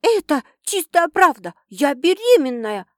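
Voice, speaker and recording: A woman voicing a frightened young actress, high and pleading, in a spoken audiobook. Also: sing-song, a little slow, no room sound, studio quality. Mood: insistent.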